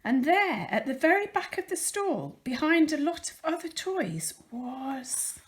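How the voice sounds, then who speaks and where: A volunteer storyteller, a woman, reads a children's picture book aloud, giving the words careful, expressive emphasis. Her voice is high and her pace unhurried.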